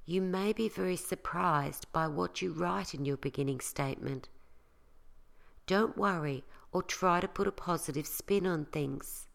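A woman narrating a scripted guided self-help meditation in a calming, instructional way, leaving pauses between phrases. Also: lowish voice, vocal fry.

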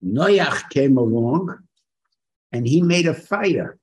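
A man's voice: mid-range voice, expressive, slow, a little mellow, husky. A man gives an informal religious lecture as a rabbi, using rhetorical questions and short, emphatic repetitions. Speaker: rabbi giving a Torah lesson.

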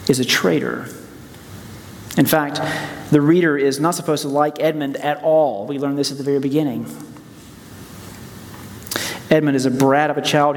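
A man's voice: on the high side, a little hiss or hum. Earnest male pastor preaching in a hall. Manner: earnest, preaching then praying. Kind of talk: sermon. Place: church sanctuary. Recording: church hall reverb, soft music.

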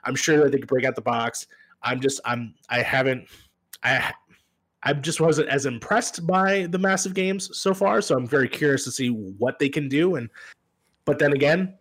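Rambling male podcast co-host, mid-pitched voice. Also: a bit bright. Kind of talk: casual discussion of video games.

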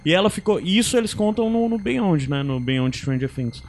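Brief: man, high voice, slangy rambling podcast talk. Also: lively intonation, moderate pace, a little hiss or hum. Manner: casual, slangy, rambling with fillers. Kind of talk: casual chat.

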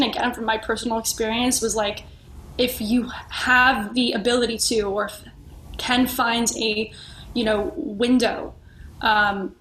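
A woman speaks reflectively and sincerely as a podcast guest, frequently restarting and groping for the right words. She has a fairly high, fairly bright voice, and the room is echoey with a little noise.

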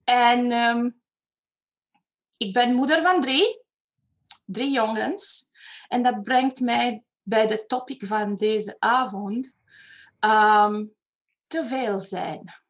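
A woman in her thirties or forties from Romania with a Romanian accent, a facilitator talking as a guest in a casual online chat, lively and laughing, sometimes searching for words. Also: on the high side, drawn-out words, pauses often.

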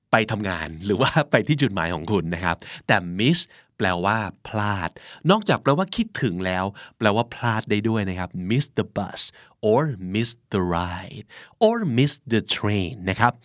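A Thai man in his forties hosting a podcast English lesson, chatty and lively, reading the English examples slowly and clearly. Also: lowish voice, no room sound, studio quality. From Thailand. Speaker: podcast host and English teacher. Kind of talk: relaxed podcast vocabulary lesson.

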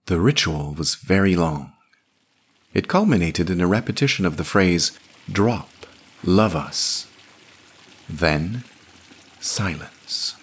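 A man narrating a scripted fantasy story in a measured, expressive reading. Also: low voice, husky.

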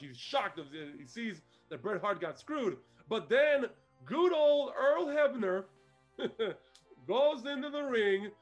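A man casually recapping an old wrestling show as podcast co-host, animated and laughing often. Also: high voice.

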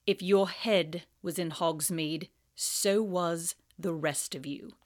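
A cold, sneering male professor, as a woman reading a storybook aloud puts him on. He drawls slowly, with quiet menace behind every word, and the voice sits low. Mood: menacing.

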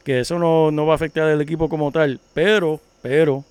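A man's voice: fairly high pitch, steady tone, fairly quick, a little mellow, smooth, no room sound. A man co-hosting a podcast, chatting casually about fantasy football news and laughing often. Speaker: podcast co-host. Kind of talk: casual sports talk.

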